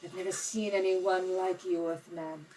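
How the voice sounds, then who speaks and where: A woman's voice: fairly low pitch, little pitch movement, normal speed, darkish tone, natural voice, low-quality recording. A woman acting a bold, amorous young alien princess in old radio serial style. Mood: admiring. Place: home kitchen table. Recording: home recording with faint noise.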